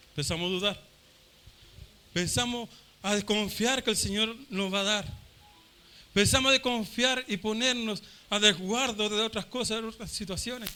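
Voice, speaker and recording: A man from Chile preaching a fervent Pentecostal sermon, repeating his phrases for emphasis. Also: high voice. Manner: fervent, repeats phrases, acts out shouting crowd voices.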